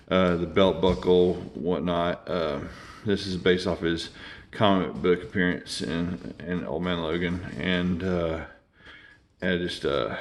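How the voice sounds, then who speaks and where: Low-voiced man rambling casually. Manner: rambling, many fillers and restarts. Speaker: toy reviewer. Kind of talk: casual unscripted review.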